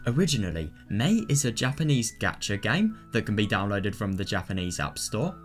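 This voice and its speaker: Background music accompanies a man's methodical, scripted instructions for a video guide. He speaks briskly, his fairly low voice very animated.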